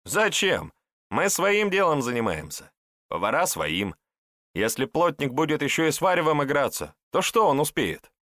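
A man's voice: on the high side, sing-song, moderate pace, fairly bright tone, no echo, studio quality, pitched above the performer's own voice. A man voicing a stocky, well-fed young estate worker who grumbles reluctantly. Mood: grumbling. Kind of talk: audiobook character voice.

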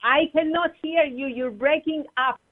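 A woman's voice: high voice, measured pace. A woman on a phone call, firm and insistent, repeating her demands. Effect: clipped phone line. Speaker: prank call target. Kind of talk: phone argument. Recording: tinny phone line.

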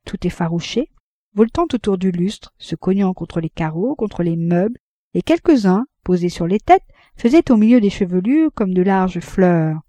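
Dark-voiced woman reading a novel. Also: on the low side, no room sound. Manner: measured, even reading. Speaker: audiobook reader. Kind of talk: scripted narration of a classic novel.

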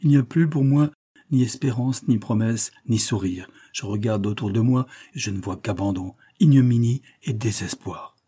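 A man's voice: lowish voice, moderate pace, mellow, husky. A man reading the part of an anguished young man, a jilted lover who pleads in bitter despair. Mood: resigned despair.

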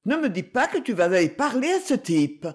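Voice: medium pitch, very animated, a little fast, pitched above the performer's own voice. A reader doing an indignant, scolding woman. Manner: exclaiming, scolding. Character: blunt, indignant woman friend.

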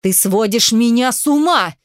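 A stern, aging father snaps orders and rages at his grown daughter in this audiobook scene, voiced by a woman reader. His lines come out clipped and commanding, at a middling pitch. The sound is dry and close, with no room echo. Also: moderate pace, close to an everyday voice. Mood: furious shouting. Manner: harsh commanding, shouts threats. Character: domineering angry aging father, middle-aged man. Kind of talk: audiobook character voice.

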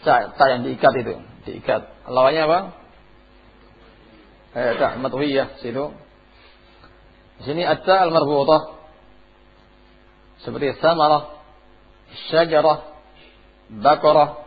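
Husky teacher quizzing his class. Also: fairly high pitch, fairly even intonation, takes it slowly, pauses often. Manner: quizzes class, chants Quranic examples. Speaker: tajwid teacher. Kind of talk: classroom lesson with questions to students. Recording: dull lo-fi classroom tape.

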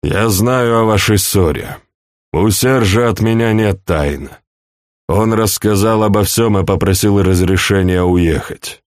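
A man voicing a shrewd, fatherly older chancellor in an audiobook, speaking in a calm, measured, persuasive way. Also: fairly low pitch, no echo, studio quality, close to an everyday voice. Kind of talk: audiobook character reading.

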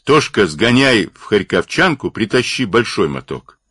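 Somov, a man reading as a gruff, blunt polar driver. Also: fairly low pitch, big pitch swings, normal speed, a bit bright, dry recording. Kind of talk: audiobook reading.

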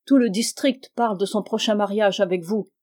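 A woman's voice: medium pitch, moderate pace, natural voice. A woman reading an audiobook, voicing a proud middle-aged mother who bursts into indignant fury at her daughter's suitor. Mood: furious. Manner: outbursts of indignant shouting.

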